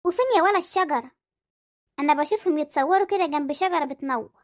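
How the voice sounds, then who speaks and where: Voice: sits high, very fast, lightly acted. A performer voicing a teasing, doting middle-aged Egyptian mother in a cartoon, with an Egyptian accent. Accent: Egyptian Arabic. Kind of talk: cartoon voice acting.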